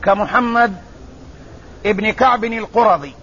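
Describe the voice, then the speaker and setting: Male hadith teacher, high-pitched, measured and deliberate, muffled lo-fi recording. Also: sharp tone. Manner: measured, deliberate delivery with repeated phrases. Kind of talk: religious lesson, reading and explaining hadith. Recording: muffled, slightly lo-fi with faint ambient noise.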